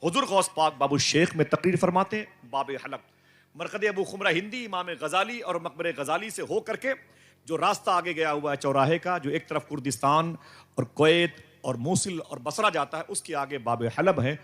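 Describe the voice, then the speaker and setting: A man preaching a devotional sermon to a live gathering, emphatic and rising to loud calls for the crowd to respond. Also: fairly high pitch. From South Asia.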